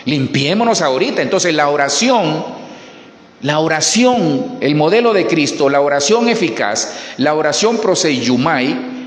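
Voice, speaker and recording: A man's voice: on the high side, big pitch swings, unhurried. A man preaching a sermon as pastor, repeating words for emphasis and calling out to the congregation. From Colombia. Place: church hall. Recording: echoey hall.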